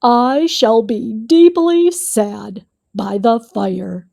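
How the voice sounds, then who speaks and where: Casting: a woman putting on a grumpy storybook bear, slow, pompous and formal, with a loud, lively delivery. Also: a little high, gravelly, exaggerated voice. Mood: gloomy.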